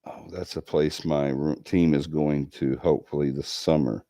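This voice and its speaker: A man's voice: extremely low pitch, fairly even intonation, moderate pace, dark tone, no echo. A man, hosting a paranormal livestream and chatting casually with lots of ums and restarts. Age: 40s. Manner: rambling, with many ums and restarts. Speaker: paranormal show host reading live chat.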